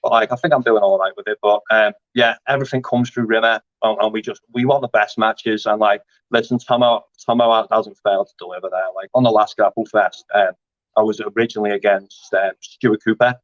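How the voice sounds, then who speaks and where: A man's voice: lowish voice, fairly even intonation, brisk, dry recording. A man, chatting casually in an interview about his grappling, rambling with lots of fillers and restarts. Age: 30s. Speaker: grappling competitor. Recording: dry, dull lo-fi audio.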